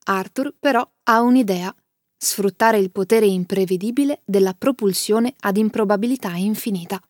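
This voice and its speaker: A woman's voice: mid-range voice, moderate pace, dry recording. Woman narrating a story, dry close sound. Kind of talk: storytelling book summary.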